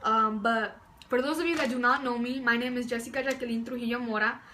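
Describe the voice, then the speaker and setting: A woman in her early twenties, born in Mexico and raised in Southern California, vlogs from indoors at home, talking enthusiastically to camera in a casual, rambling way full of fillers and restarts. Her voice is on the high side with a steady tone, and she talks fast with a sharp edge. Slight background noise is present.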